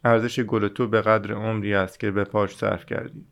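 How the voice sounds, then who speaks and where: A man reading as a wise, gentle fox. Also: on the low side, little pitch movement, vocal fry. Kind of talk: audiobook reading.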